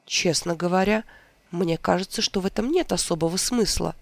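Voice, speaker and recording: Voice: mid-range voice, normal speed, creaky, no echo, natural voice. A reader doing a sentimental old wizard. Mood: reminiscing.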